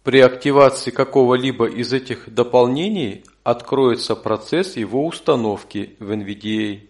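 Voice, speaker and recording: A man narrating scripted step-by-step instructions as an audio course instructor, measured and neutral. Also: medium pitch.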